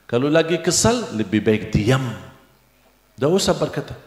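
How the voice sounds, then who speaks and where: A middle-aged man preaching a sermon with storytelling, animated and acting out the dialogue in his stories. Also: medium pitch, moderate pace. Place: large hall at an Islamic boarding school. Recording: echoey hall with long reverb.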